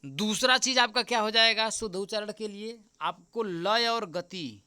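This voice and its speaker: Man, exam tutor, bright crisp voice, repeats answers, checks in often. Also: high-pitched. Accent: Hindi. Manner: repeats answers slowly, keeps asking "ठीक?"; addresses viewers as friends. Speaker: teacher. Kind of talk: exam paper walkthrough.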